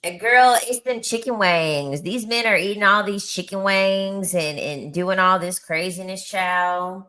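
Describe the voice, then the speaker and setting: A woman's voice: medium pitch, a little slow, bright, forceful tone. A woman chatting casually as host, telling stories from her day in a gossipy, laughing way. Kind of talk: casual livestream chat.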